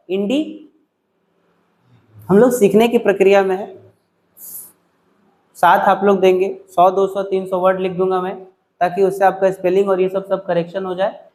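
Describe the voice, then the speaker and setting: In an exam-prep English class, a male teacher walks students through spelling, repeating each word slowly, syllable by syllable. His voice sits high and has a warm tone.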